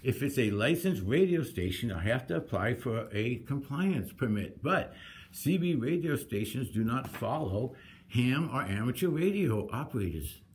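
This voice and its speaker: Against slight background noise, a man's medium-pitched, sing-song voice moves at normal speed. He is a citizen arguing his own case over a code violation at a public hearing, combative, insistent and prone to repeating himself.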